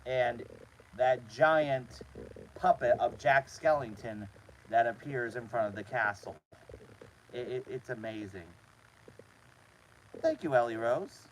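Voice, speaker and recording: A man hosting a casual live stream from inside a small trailer, talking to his chat in a halting way with repeated words. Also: medium pitch, slight background noise, rough recording. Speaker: host of a live show.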